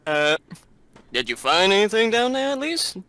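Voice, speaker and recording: A man playing in a tabletop game, casual and animated, swearing freely. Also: sits high, normal speed, clear, resonant tone. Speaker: player.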